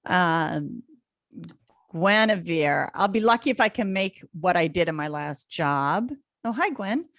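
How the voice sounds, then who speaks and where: A middle-aged woman co-hosting a career webinar, reading out chat comments in a brisk, conversational way. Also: lowish voice, animated, a bit bright, no echo.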